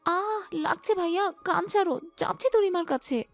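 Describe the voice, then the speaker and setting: In a Bengali audio story with music behind her, a woman plays a cheeky, whiny young best friend prone to playful, exaggerated complaining. She speaks at normal speed in a very high-pitched voice.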